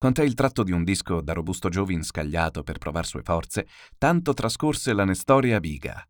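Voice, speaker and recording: A man giving an expressive reading of classical epic verse, raising his voice for the shouted speeches. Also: low-pitched, moderate pace, no echo, clean studio sound. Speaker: narrator reading an epic poem aloud.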